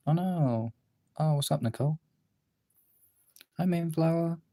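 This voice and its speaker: A young adult livestream host chats casually while drawing, often muttering to themselves between answering viewers. The voice is medium-pitched, measured and mellow, with clear background noise and clicks.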